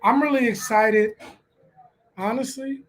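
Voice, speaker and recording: A man co-hosting a casual chat, relaxed and reflective, with many "you know" fillers. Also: extremely high pitch, a little slow, slight background noise. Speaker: podcast co-host.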